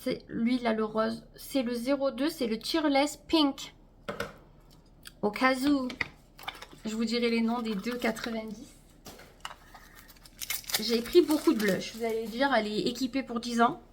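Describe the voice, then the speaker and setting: A woman's voice: a little high, a little slow, pauses often, noisy background. A woman chatting casually to her viewers as she unboxes a makeup haul, talking to them directly and trailing off with fillers. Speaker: beauty vlogger.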